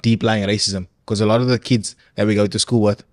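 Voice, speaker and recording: A man's voice: fairly low pitch, little pitch movement, a little fast, dry recording. A man in his twenties from Congo, hosting a casual podcast chat in a laid-back way with slang. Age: 20s. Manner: laid-back, nods along with frequent mm's, slang. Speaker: podcast host.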